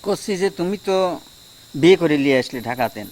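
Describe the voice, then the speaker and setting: Strict aging father, played by a man, high and animated. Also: brisk, natural voice. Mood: stern. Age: older. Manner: firm, lecturing. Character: stern village father.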